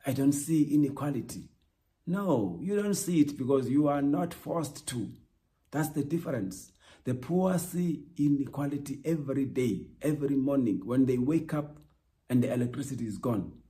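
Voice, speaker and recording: Measured man, mellow voice. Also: mid-range voice, animated. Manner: measured, emphatic, repetitive rhetorical lines. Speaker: podcast host. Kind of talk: reflective spoken essay.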